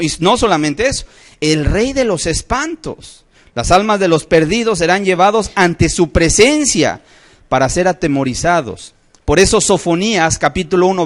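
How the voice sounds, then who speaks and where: A man preaching a sermon in church, emphatic, rising to outcries and dropping to low solemn phrases. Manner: addresses listeners as brothers, asks rhetorical questions.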